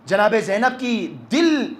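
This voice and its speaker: Impassioned high-voiced preacher in mourning. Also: male voice, sing-song. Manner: chanting, impassioned, swells into cries. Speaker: maulana leading a mourning majlis. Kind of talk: mourning sermon with lamentation.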